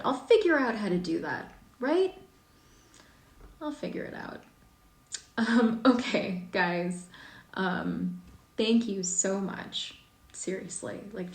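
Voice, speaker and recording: Chatty woman with a gravelly voice. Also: mid-range voice. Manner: chatty and rambling, often trailing off softly. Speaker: author answering fan questions. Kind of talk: casual live stream Q&A. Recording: echoey room.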